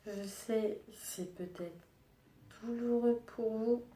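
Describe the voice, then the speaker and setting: Young woman vlogger, quiet and halting, subdued and sad; dark mellow tone, slow delivery. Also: a little high, echoey room, recorded from a distance, a little hiss or hum. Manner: quiet, hesitant, halting speech. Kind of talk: personal testimony vlog.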